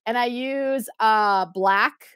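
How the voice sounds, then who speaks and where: Woman, middle-aged, sassy, snarky, laughing often, chatty livestream talk, slightly high voice, dry close mic. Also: slow, a bit bright, clear, resonant tone, no room sound. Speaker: YouTube live streamer.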